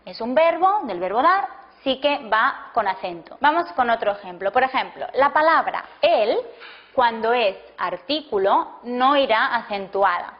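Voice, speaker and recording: A woman teaching a language lesson, explaining rules slowly and dictating example sentences word by word. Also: a little high, animated. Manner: slow, deliberate, breaks sentences into single words. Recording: dull lo-fi classroom video audio.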